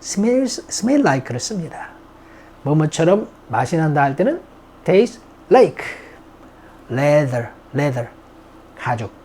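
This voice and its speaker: A man in a recorded vocabulary lesson reads English words aloud, repeats them, and explains them in Korean. His voice is a little high, husky and slightly mellow, with a sing-song delivery, a very slow pace and long pauses.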